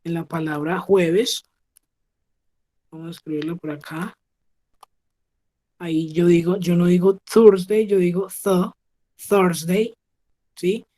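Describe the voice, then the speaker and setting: A woman teaching an English lesson over a video call, with a voice a touch lower than most. She talks patiently and stops often to check that the class is following. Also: steady tone, measured pace, pauses often, mellow. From Colombia. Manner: patient, checks understanding with frequent "¿sí?". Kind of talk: online class explaining pronunciation.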